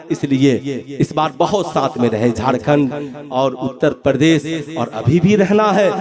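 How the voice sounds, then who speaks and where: A man, a mufti, preaching a sermon at a live religious gathering, emphatic and questioning his listeners, rising into shouted lines. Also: on the high side. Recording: live gathering with crowd audible.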